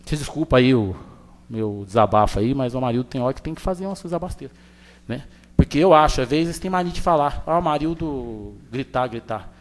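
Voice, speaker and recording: A man, a town councilman giving an indignant, emphatic floor speech in the council chamber. He repeats his points over and over. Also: on the high side.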